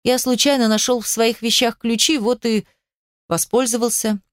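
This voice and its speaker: A woman's voice: a little high, steady tone, moderate pace, clear, resonant tone, no room sound, studio quality, natural voice. A woman voicing a self-important man, the narrator's ex-husband, who grumbles, sulks and takes offense. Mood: pompous.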